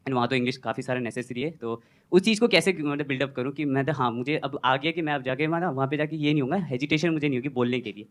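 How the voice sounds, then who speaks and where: A man's voice: mid-range voice, quick pace. A young male student in the audience, asking a long, hesitant question full of fillers. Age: young adult. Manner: hesitant, rambling with many fillers. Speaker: audience member, medical exam student.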